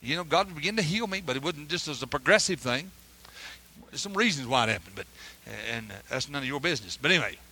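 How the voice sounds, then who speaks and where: A man preaching a folksy testimony sermon, rambling and colloquial, with sudden loud outbursts. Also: on the high side, expressive, fast, a little hiss or hum.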